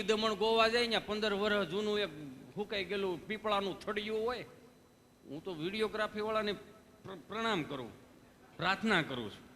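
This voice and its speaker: Kathiawadi comic guy on a stage mic, high bright voice, acts out all the lines himself, hall reverb. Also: a little hiss or hum. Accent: Kathiawadi Gujarati. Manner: animated, acts out dialogue in different voices. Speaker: folk comedian. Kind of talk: stage comedy storytelling. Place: stage before a live audience. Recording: reverberant hall with faint music.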